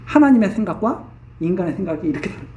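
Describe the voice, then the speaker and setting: A pastor delivering an expository Bible sermon in a roomy, echoing church, picked up by a distant mic. The voice is mellow and dark, with an ordinary mid pitch. Verses are unpacked in plain, conversational retellings. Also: lively intonation, rapid-fire. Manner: explains verses in plain colloquial paraphrase. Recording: echoey room, mic far off.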